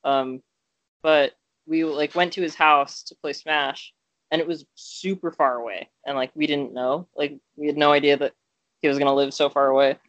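A man's voice: a little high, level tone, moderate pace, a bit bright, no room sound, muffled recording. A young man co-hosting a podcast, telling a story in casual chat, rambling with lots of fillers and restarts. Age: young adult. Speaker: podcast co-host.

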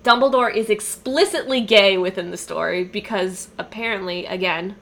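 A woman's voice: mid-range voice, normal speed, fairly bright tone. A woman in casual chat, reading a list aloud and jumping into playful voices when she quotes lines.

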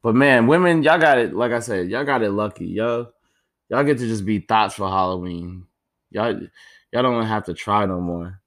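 A man's voice: on the low side, normal speed, fairly bright tone. Profane young man riffing casually. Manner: profane, rambling, joking. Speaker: podcast host. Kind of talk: casual comedic monologue.

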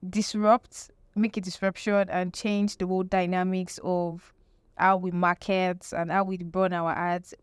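Clear-voiced woman presenting an emphatic lesson. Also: mid-range voice, dry recording, studio quality. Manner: emphatic, repeats key phrases, asks rhetorical questions. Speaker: presenter teaching marketing tips. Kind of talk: explanatory lesson with examples and tips.

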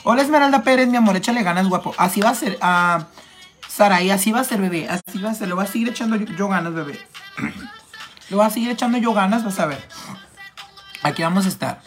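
A man with a Mexican accent chatting casually on a makeup livestream, clearing his throat as a cold starts, affectionate and full of slang with his viewers. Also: sits high, quick pace, a bit bright, faint music behind. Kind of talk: casual live-stream chat reading comments.

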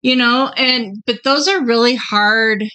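A woman's voice: fairly high pitch, a little slow, sharp tone. A middle-aged woman co-hosting a podcast, speaking reflectively and candidly about herself. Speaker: podcast co-host. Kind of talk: casual chat.

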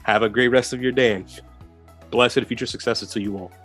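A man's voice: medium pitch, fairly even intonation, brisk, fairly bright tone. A man hosting a casual podcast interview, asking questions and addressing his guests. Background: music.

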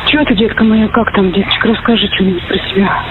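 A woman's voice: mid-range voice, fairly even intonation, quick pace, noisy background. A middle-aged woman talking privately on the phone as a mother, tender and anxious in her manner. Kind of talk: emotional private phone conversation. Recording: muffled intercepted phone line, music over it. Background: music.

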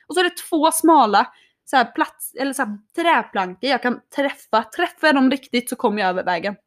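A young woman chatting casually, telling an animated story, laughing often and acting out what people said. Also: high-pitched.

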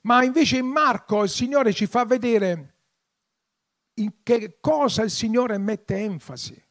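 Very high-voiced male preacher. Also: slow pace. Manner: impassioned preaching, swelling to loud emphatic appeals. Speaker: pastor. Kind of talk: sermon.

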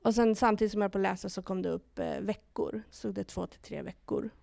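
A woman guest on a podcast, telling a personal story in lively detail with quoted dialogue and frequent hesitation fillers. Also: medium pitch, creaky, dry recording. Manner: animated retelling with quoted dialogue and many fillers.

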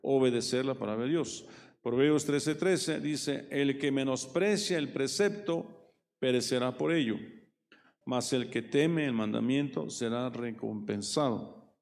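A man's voice: mid-range voice, a little slow, vocal fry, darkish tone. A man preaching a Bible study sermon, reading verses aloud and explaining them, often adding tag questions and correcting himself mid-phrase. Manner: frequent tag questions and self-corrections, leans into quoted verses. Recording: reverberant hall.

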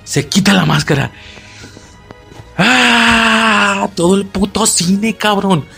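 Excitable Mexican man, slangy and profane. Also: high-pitched, slow, gravelly, breathy edge, faint music behind. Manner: animated, profane, reenacts his own shocked reactions. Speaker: vlogger. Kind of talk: excited casual storytelling.

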